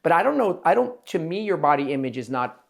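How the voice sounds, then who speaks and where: A man hosting an interview as a plastic surgeon, talking directly and lively, acting out quotes of others in his speech. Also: on the high side, fast, creaky. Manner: direct, animated, acts out quotes in his talk. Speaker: plastic surgeon, podcast host. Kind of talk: conversational interview.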